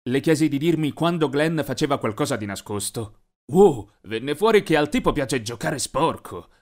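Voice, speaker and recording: A man narrating an animated teen story in a lively, mischievous storytelling voice. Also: mid-range voice, normal speed.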